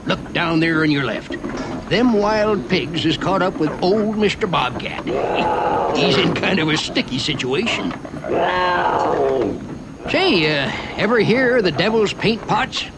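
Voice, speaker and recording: A chatty frontier train guide with a rural Western American drawl. His voice sits high and swings freely up and down as he narrates a park ride with homespun, wry humor. Clear noise of the ride and animals runs behind him. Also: animated, a little slow. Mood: folksy, wry. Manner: drawling, folksy dialect with chuckles. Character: folksy old-west mining train guide, chatty and wry.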